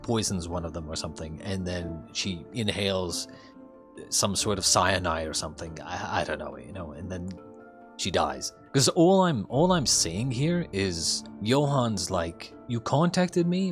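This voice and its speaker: A man doing casual live reaction commentary as a streamer, speculating in a rambling, mildly profane way. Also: low-pitched. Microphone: headset.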